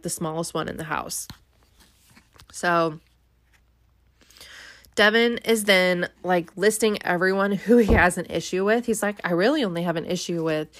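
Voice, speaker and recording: Woman, casual recap, chatty, wry, lots of fillers, slightly low voice. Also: dry recording, clean studio sound. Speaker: reality show recapper.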